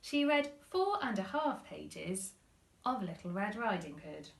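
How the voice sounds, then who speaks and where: A woman reading a children's story expressively, with deliberate phrasing, in a roomy-sounding recording. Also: mid-range voice, big pitch swings, creaky. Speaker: primary school teacher reading stories.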